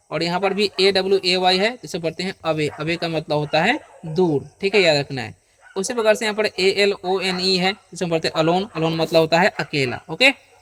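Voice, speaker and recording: A man's voice: sits high, fairly bright tone, a little hiss or hum. A man teaching English pronunciation rules in Hindi, patiently asking and answering his own questions and drawing out the example sounds. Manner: checks in with listeners with frequent "okay?" and "isn't it?"; slows down and stretches out example sounds. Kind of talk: Hindi-language pronunciation lesson.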